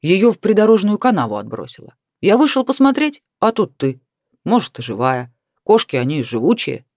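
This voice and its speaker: A woman's voice: mid-range voice, sing-song, normal speed, darkish tone, no room sound, studio quality, pitched above the performer's own voice. A woman voicing a tired, irritable middle-aged husband who smirks and grumbles. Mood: grumpy. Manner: grumpy, smirking.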